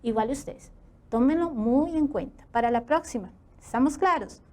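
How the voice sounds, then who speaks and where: Bright-voiced Costa Rican woman teacher. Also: sits high, moderate pace. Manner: asks students rhetorical questions, warm classroom tone. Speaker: Spanish teacher. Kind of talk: televised school lesson.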